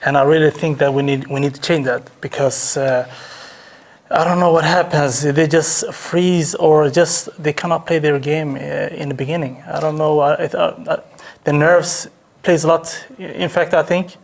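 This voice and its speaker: A man with a slightly high, gravelly voice answers questions after a match. He speaks haltingly, stopping often and filling the gaps with "uh" and "I mean" as he searches for words. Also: fairly even intonation. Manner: hesitant, halting, heavy on fillers. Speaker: team captain. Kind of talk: post-match interview.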